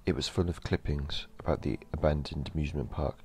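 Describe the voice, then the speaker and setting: A man narrating a horror story in a slow, measured storytelling delivery. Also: a bass voice, steady tone, a little hiss or hum.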